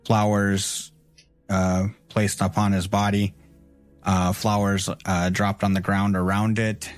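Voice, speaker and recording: Casting: slow, lower-pitched man as game master, unhurried narration full of fillers. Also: flat delivery, faint music behind.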